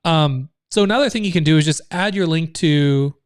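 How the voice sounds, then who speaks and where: A man with a slightly high voice and clean tone walks through steps at a moderate pace during a live online screen-share training. He keeps it loose and casual, with many fillers and restarts, and the clean studio sound has no echo.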